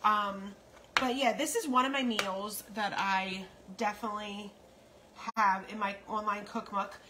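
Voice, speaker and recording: Her mid-range voice fairly even, a middle-aged American woman hosts a casual cooking livestream at home, drifting into leisurely asides as she works. The phone propped beside her records frying sizzle, stirring and general kitchen noise.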